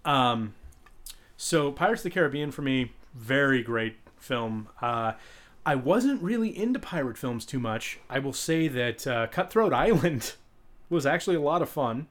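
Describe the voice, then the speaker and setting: A man's voice: medium pitch, expressive, unhurried, fairly bright tone. A man co-hosting a podcast in casual chat, rambling and joking with many restarts. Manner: rambling, jokey, lots of restarts. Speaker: podcast co-host.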